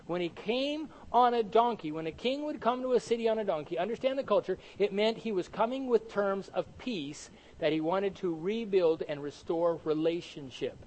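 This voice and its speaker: A man preaching a Bible study sermon, animated and conversational, often asking the congregation questions and answering them himself. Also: high voice, low-quality recording. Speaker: pastor teaching Bible study.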